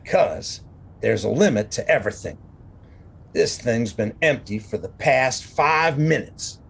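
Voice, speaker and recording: A woman voicing a gruff, laconic middle-aged male Western sheriff with a slow, dry drawl in a radio drama. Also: extremely low pitch, lively intonation, pitched below the performer's own voice, full character voice.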